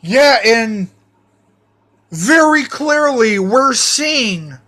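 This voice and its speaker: A man's voice: very high voice, sing-song, pushed and bright. A man telling a rambling, profane personal story, repeating himself and stalling often. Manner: rambling, profane, repetitive, halting with fillers.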